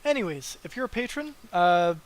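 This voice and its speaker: A man's voice: high voice, very animated, normal speed, low-quality recording. A young man chatting casually on his live development stream, rambling with lots of fillers and sounding tired.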